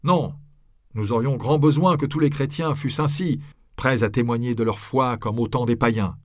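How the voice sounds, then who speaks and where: Audiobook: male reader doing a crowd of shouting, jeering onlookers, high-pitched and loud. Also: moderate pace, no room sound, clean studio sound, close to an everyday voice. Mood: arguing.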